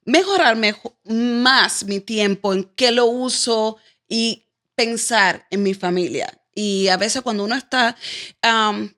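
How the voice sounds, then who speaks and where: A woman's voice: fairly high pitch, takes it slowly, a bit bright. A woman with a Caribbean Spanish accent hosting a casual conversational interview in a candid way, readily chiming in. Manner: candid, chiming in to finish the guest's thoughts. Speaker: podcast host.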